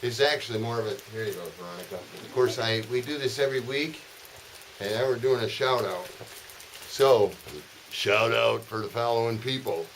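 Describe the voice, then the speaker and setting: A man's voice: medium pitch, moderate pace, poor audio. A man chatting casually for a vlog as host, joking and swearing coarsely, recorded outdoors in the rain. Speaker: vlogger, host. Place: outdoors in the rain, sheltered dry spot. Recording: hissy, steady rain noise outdoors. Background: rain falling.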